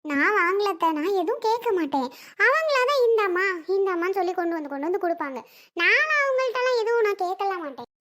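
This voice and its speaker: A woman's voice: extremely high pitch, big pitch swings, quick pace, a bit bright, full character voice. A woman playing a young wife who complains plaintively about her husband. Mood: complaining. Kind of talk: family skit acting.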